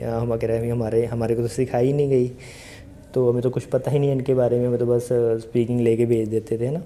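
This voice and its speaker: Dark-voiced chatty male IELTS coach. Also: mid-range voice. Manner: chatty, addresses viewers directly with rhetorical questions. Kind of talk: casual Hindi tutorial monologue.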